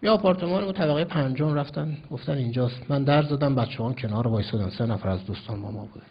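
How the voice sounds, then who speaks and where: A man's voice: medium pitch, a little hiss or hum. A man from Iran, a cleric telling a story in a sermon, emphatic and acting out the dialogue. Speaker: cleric preacher. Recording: dull lo-fi recording.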